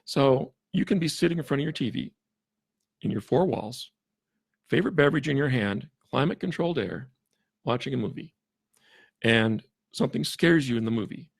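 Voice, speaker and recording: Gravelly, husky man talking haltingly. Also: medium pitch, lively intonation, dry recording. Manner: halting, many restarts, chuckles often. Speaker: podcast guest, forensic interviewer. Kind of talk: casual interview talk.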